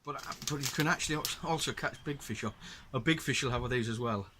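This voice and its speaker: This host talks fast in a medium-pitched voice, with noise audible behind him. A middle-aged man from the north of England with a Northern English accent, he patiently chats to viewers about his gear in a casual show-and-tell demonstration.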